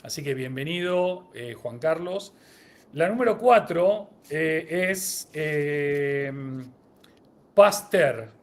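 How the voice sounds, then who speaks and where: A man's voice: fairly high pitch, animated, drawn-out words. A man co-hosting a live-streamed podcast, greeting viewers and running a word-association game. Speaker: podcast co-host.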